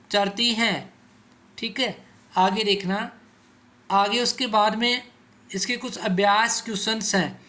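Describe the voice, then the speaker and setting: A male schoolteacher talks his pupils through a vocabulary lesson at an unhurried, deliberate pace. His voice is bright and forward, and he poses questions only to answer them himself. He says each word slowly so the class can repeat it after him. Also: high-pitched. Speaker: teacher. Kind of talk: classroom explanation for school students.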